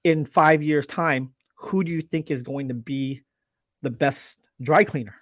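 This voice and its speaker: A man guesting on a live-streamed interview, sharing business advice in an earnest, animated way with frequent restarts over a video call. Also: a little high, unhurried, dry recording. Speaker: guest, laser business owner.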